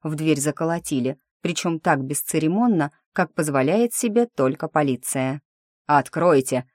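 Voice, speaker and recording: Low dry woman narrator, wry reading, very close dead sound. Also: normal speed, a little mellow, no room sound. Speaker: audiobook narrator. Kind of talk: first-person audiobook narration.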